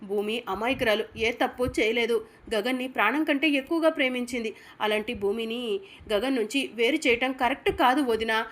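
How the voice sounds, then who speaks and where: A woman's voice: fairly high pitch, fairly quick, close to an everyday voice. A woman reading the lines of an earnest mother who pleads for fairness in a serial recap. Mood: pleading.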